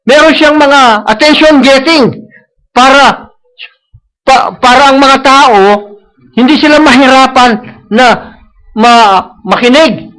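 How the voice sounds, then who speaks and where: A man with a notably high voice preaches a sermon in a church, his plain as he slides between Tagalog and English. He hammers points home by repetition and keeps checking in with a questioning "No?". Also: slow pace, pauses often, bright, forceful tone, poor audio. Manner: switches between Tagalog and English, tags lines with "No?"; repeats himself for emphasis. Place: church service.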